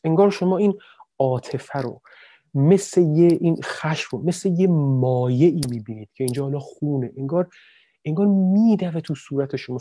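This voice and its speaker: Male lecturer, lively and direct with listeners, fillers and restarts; mellow timbre, dry recording. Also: medium pitch, no echo. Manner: animated, addresses listeners directly with many examples; frequent fillers and self-corrections. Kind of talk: explanatory talk on language and emotion.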